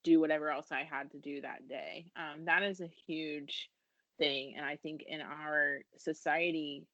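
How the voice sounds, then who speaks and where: A woman's voice: low-pitched, fairly even intonation, unhurried, a bit bright, no echo, lo-fi sound. A woman from the United States in her thirties, a business founder talking casually and earnestly in a podcast interview, laughing now and then. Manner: earnest, self-deprecating, laughs while talking.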